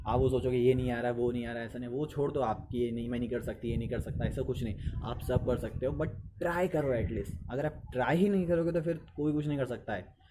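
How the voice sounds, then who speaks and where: Male teacher, chatty and repetitive, mid-pitched, recorded with a noisy hiss. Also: fast, warm tone. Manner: conversational, repeats phrases, mixes English into Hindi. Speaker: teacher giving study tips. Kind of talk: casual spoken study advice.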